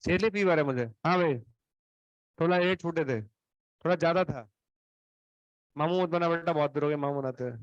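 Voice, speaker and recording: A man's voice: fairly high pitch, normal speed, long pauses, no room sound, muffled recording. A male coaching teacher scolding his students in class, stern and sarcastic, grilling them one by one while running a fever. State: feverish, throat unwell.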